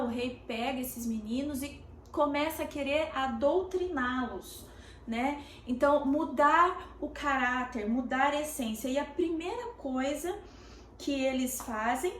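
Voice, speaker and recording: Brazilian woman pastor, high bright voice, halting and emphatic sermon delivery, roomy echo. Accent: Brazilian Portuguese. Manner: deliberate, halting, with many pauses and "é" fillers. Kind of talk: sermon, streamed teaching. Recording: roomy echo with faint background noise.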